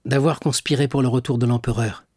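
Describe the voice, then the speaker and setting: A man voicing a young sailor locked in prison, crying out and pleading in a raised, raspy voice. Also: medium pitch, steady tone, a little fast, a little mellow, no echo, studio quality, lightly acted. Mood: eager. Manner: crying out, pleading, eager answers.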